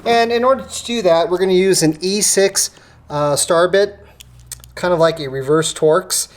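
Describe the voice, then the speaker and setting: In a how-to car repair video, a woman with a rather low voice talks at normal speed, explaining each step informally while working with her hands. Tool clicks can be heard throughout a clearly noisy recording.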